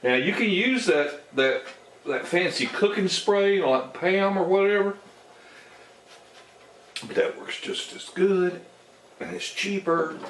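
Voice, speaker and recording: A man's voice: sits high, takes it slowly, long pauses, fairly bright tone, a little hiss or hum. An older man, showing how he bakes a cake at home in a casual, homespun way. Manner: homespun, folksy, savoring with hums. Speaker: home baking vlogger. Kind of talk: casual kitchen demonstration. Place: home kitchen. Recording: roomy kitchen with faint ambience.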